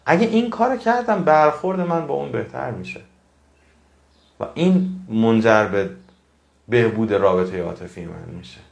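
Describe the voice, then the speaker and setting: A man's voice: mid-range voice, animated, gravelly, echoey room. A man giving a motivational talk to his audience, earnest and preachy, repeating phrases for emphasis. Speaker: motivational speaker.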